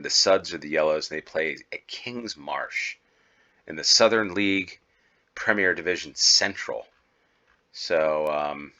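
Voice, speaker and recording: A man from the United States rambles through casual gameplay commentary at home, thinking out loud and filling pauses with ums and uhs. His voice sits low, yet its tone is bright and forceful. He talks like a channel host chatting to his viewers. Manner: rambling, thinking aloud with many fillers.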